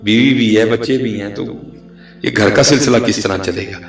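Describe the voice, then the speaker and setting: A man preaching a sermon and telling a story dramatically, swinging between loud declaiming and hushed tones. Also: on the low side. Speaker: religious preacher. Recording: roomy echo, faint music.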